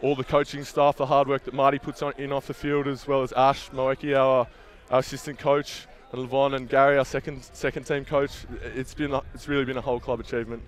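A man's voice: mid-range voice, little pitch movement, fairly quick, few pauses. A young man, a team captain, giving earnest post-match interview answers on an outdoor field through a headset. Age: young adult.

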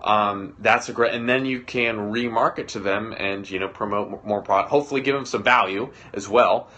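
A man's voice: on the low side, moderate pace, sharp tone. A young man hosting a casual livestream lesson at a whiteboard indoors, talking energetically in slangy style and acting out little dialogues, picked up by a phone camera a few steps away. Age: young adult. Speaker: livestream host teaching marketing. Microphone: phone camera at a distance.

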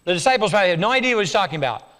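A male pastor with a high, light voice works through scripture in a sermon, shifting from quiet, low asides to raised, emphatic points. His voice carries a long reverb from the church sanctuary around him. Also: very animated, very fast. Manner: expository preaching, swinging between hushed low lines and raised emphatic ones.

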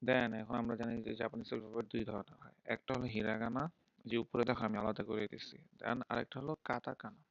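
A man's voice: mid-range voice, little pitch movement, quick pace, vocal fry, no room sound. A man teaching a beginner class in a live online stream, explaining step by step in a patient way and often checking in with the learners. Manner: mixes English words into speech. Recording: dull lo-fi dry mic.

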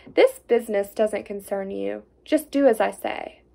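A woman's voice: measured pace, vocal fry, dark tone. A woman reading a storybook aloud, voicing a crafty, cheery little male hedgehog in a raised, cocky voice. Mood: bossy. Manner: cocky and scheming, raised pitch.

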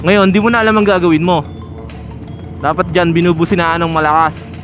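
A man's voice: on the high side, steady tone, a little fast, fairly bright tone, soft background music. A man giving casual, instructive commentary while riding a motorcycle on open roads, recorded on a helmet-mounted action camera. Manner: chatty, instructive, points out riders. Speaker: motovlogger. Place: outdoors on a moving motorcycle on a road.

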